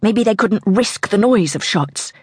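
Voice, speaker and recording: A woman narrating an audiobook in a tense, measured storytelling manner. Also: mid-range voice, lively intonation, husky, no room sound, clean studio sound.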